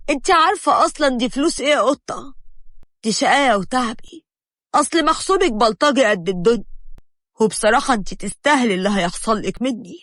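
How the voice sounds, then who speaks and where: A woman with an Egyptian accent voicing a grown male street thug who mocks and threatens, loud and dry. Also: a little high, expressive, fast, no echo. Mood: sneering. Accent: Egyptian Arabic. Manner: sneering and threatening.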